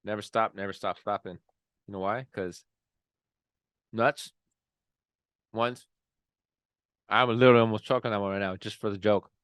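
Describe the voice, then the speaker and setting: A man's voice: fairly low pitch, fairly even intonation, normal speed, pauses often, a bit bright, clear, resonant tone, no room sound. A man co-hosting a podcast, chatting casually with playful exaggerated jokes. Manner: joking, laid-back, playful exaggeration. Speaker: podcast co-host. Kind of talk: casual chat.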